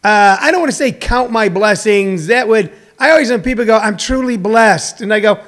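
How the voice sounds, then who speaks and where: A man with a notably high voice speaks off the cuff as host of a live talk show. His delivery is halting yet emphatic, and he repeats phrases to drive them home. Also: expressive, fairly bright tone. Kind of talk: off-the-cuff topical monologue.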